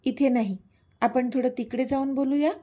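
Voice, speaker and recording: Voiced by a woman, a stubborn young lover speaks in a storybook tale, teasing and insistent. His voice sounds mellow and a little husky. He pushes for answers and won't let the matter drop. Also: high-pitched, steady tone, moderate pace.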